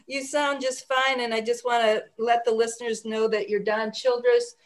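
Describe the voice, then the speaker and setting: A woman with a fairly high voice hosts a radio conversation. She is encouraging and appreciative, talking to her guests in an easy interview style. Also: little pitch movement, moderate pace. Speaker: radio station host interviewing programmers. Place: remote group video call.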